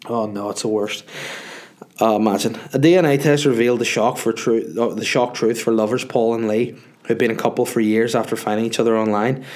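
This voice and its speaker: A male podcast host with a snuffly, cold-affected voice at a middling pitch. He talks off the cuff in a blunt, rambling way, swearing freely as he works through listener questions. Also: steady tone, fairly quick, a little mellow. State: sniffly with a head cold. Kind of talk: casual solo chat answering listener questions.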